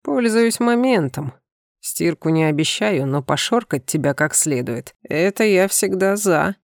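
A woman voicing a playful, seductive male alien with a tail, speaking low and intimately with a gravelly edge. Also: animated, unhurried, dry recording, studio quality. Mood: teasing.

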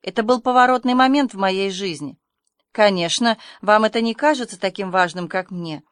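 A dreamy, dramatic orphan girl, as a woman reader voices her gushes on in long, excited runs of words. Her voice sits at an ordinary middle pitch. The sound is close and dry, with no room around it. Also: normal speed, clear, resonant tone, no room sound, natural voice. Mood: wistful. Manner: breathless, effusive storytelling.

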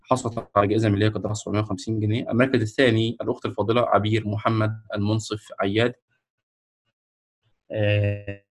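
A man's voice: lowish voice, little pitch movement. Hesitant Egyptian man announcing winners. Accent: Egyptian Arabic. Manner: slow, hesitant, many fillers and restarts. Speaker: ceremony host announcing winners. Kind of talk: ceremony announcement. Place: online video call presenting a screen.

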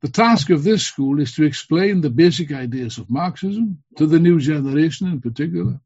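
A man's voice: on the high side, lively intonation, moderate pace, a little mellow, breathy edge, muffled recording. A man giving a fiery revolutionary political speech, emphatic, with rhetorical questions and phrases repeated for weight. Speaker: political speaker at an online school.

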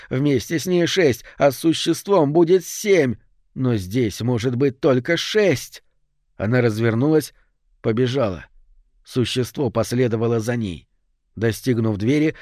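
A man narrating a horror story in a steady, measured audiobook read. His voice sits at an ordinary middle pitch. The sound is close and dry, with no room around it. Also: no room sound.

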